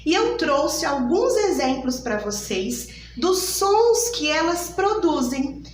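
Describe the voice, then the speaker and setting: A woman teacher, giving a phonics lesson for small children and drawing each word out slowly in an exaggerated sing-song way. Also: high voice, very animated, distant mic, a little hiss or hum. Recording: echoey room, voice from off the mic.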